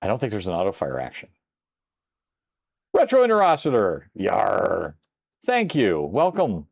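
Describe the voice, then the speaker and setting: A man's voice: medium pitch, wildly swooping pitch, moderate pace, darkish tone, no echo. An older man casually commenting while playing a retro computer game on a live stream, chatting with viewers and exclaiming at close calls.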